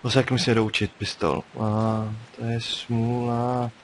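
A man's voice: medium pitch, little pitch movement, rough recording. A young man giving casual, chatty commentary while playing a game, often muttering to himself. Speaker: gameplay commentator. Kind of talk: casual let's-play commentary. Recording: faint hiss.

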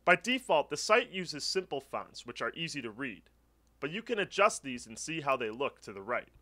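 A man's voice: mid-range voice, big pitch swings, normal speed, bright, forceful tone. A man narrating a scripted step-by-step website setup walkthrough as a voice-over. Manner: clear step-by-step instructional. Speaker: tutorial narrator. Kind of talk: scripted screen-recording walkthrough.

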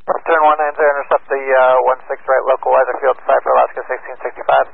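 A man speaking as an airline pilot, reading clearances back over an aircraft radio with static. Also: medium pitch, flat delivery, fast. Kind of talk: radio readbacks to air traffic control. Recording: narrow radio band with faint static.

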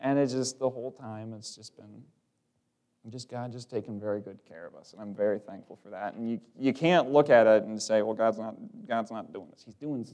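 A man's voice: fairly low pitch, brisk, mellow. A man preaching to his congregation, telling a family story loosely with restarts and small laughs before turning to scripture. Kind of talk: sermon with personal testimony.

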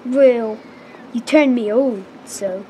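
A woman's voice: fairly high pitch, slow pace, warm tone, husky, heavily acted, rough recording. Cheeky young boy, put-on Australian accent, laid-back teasing delivery, as a girl voices him; toy-movie role-play. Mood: casual. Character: cheeky male baby aged to ten, Australian.

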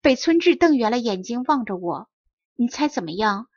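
Woman storybook reader, expressive, dull-sounding dry audio. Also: a little high, normal speed, dry recording. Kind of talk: storybook narration. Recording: dry dull close recording.

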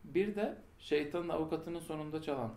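A man's voice: fairly high pitch, moderate pace, darkish tone. A man co-hosting a casual film discussion, rambling and opinionated with jokes. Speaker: podcast co-host. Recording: echoey room.

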